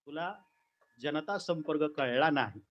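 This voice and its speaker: A man performing a kirtan, telling a sacred story in a lively, dramatic way with comic asides. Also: fairly high pitch, measured pace, dull audio.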